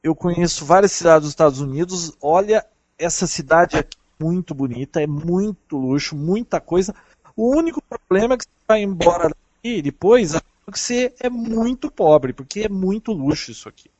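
A man's voice: high-pitched, moderate pace, no echo. Chatty Brazilian man telling travel stories. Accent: Brazilian Portuguese. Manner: chatty, animated storyteller. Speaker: traveling podcast guest. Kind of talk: casual chat over a call.

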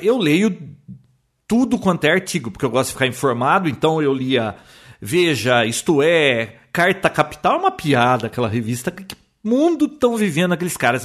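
A Brazilian man co-hosts a casual podcast, telling opinionated stories and restarting his sentences often. He has a Brazilian Portuguese accent and a slightly high, somewhat bright voice.

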